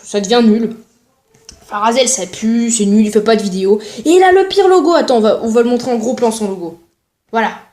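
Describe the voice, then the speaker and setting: A young woman with a fairly high voice rants casually on her channel. She mocks other creators, makes jokes and plugs her own videos. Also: steady tone, brisk, dark tone. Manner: mocking, jokey, self-promoting. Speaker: YouTuber. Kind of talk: casual ranting commentary.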